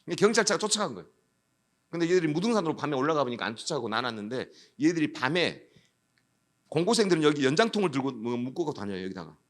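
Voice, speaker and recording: Man, middle-aged, storytelling lecture, animated pitch, acts out dialogue. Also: fast. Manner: storytelling, switches into voices of students and police. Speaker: education official giving a talk. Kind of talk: anecdotal lecture with acted dialogue.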